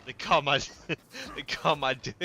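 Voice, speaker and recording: A man chatting casually during a game stream, laid-back and profane, quick to laugh along. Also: mid-range voice, steady tone, vocal fry, bright, forceful tone, rough recording. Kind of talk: casual chat while gaming.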